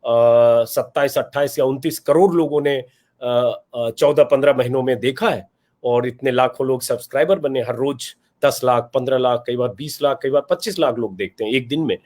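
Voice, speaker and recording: A man in his fifties, a journalist hosting his own channel, talking straight to his viewers in an earnest, explanatory way, pausing often and listing examples. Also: mid-range voice, darkish tone. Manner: earnest, explanatory, lists places and examples with many pauses and fillers. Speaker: journalist and YouTube channel host. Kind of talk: direct-to-camera talk to viewers.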